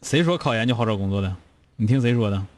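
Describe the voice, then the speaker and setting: A man's voice: mid-range voice, expressive, fast, slight background noise. A man with a Northeastern Chinese accent hosting a call-in advice show, blunt and scolding, firing rhetorical questions. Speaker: radio call-in show host.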